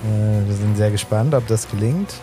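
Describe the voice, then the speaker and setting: A man's voice: fairly low pitch, normal speed, over music. A man acting as game master, improvising narration for a tabletop role-playing game in a playfully ironic way.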